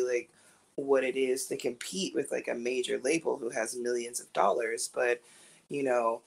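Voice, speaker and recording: A woman, a guest recording artist, telling animated stories in a casual interview and laughing often. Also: rumbling low, creaky.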